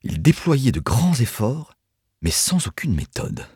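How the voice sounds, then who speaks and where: A man narrating an audiobook in an expressive storytelling manner. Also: medium pitch, a little slow, breathy edge, no echo, studio quality.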